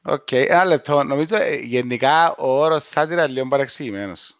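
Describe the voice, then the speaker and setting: A man with a Cypriot Greek accent, co-hosting a podcast in a measured, explanatory casual discussion. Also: mid-range voice, lively intonation, fairly bright tone, no echo, muffled recording. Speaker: podcast co-host.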